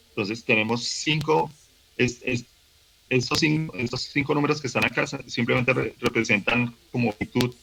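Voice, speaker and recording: Gravelly bright-voiced man teaching. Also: medium pitch, low-quality recording. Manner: patient explaining, fillers and restarts, slow demonstration of tones. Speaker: language teacher. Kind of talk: recorded online workshop lesson.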